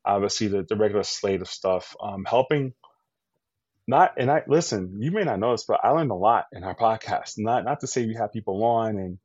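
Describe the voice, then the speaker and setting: A podcast co-host from the US East Coast chats casually, enthusiastic and rambling, with lots of fillers and restarts. His voice is on the low side, brisk, darkish, and slightly rough, captured in a dull, dry, lo-fi recording.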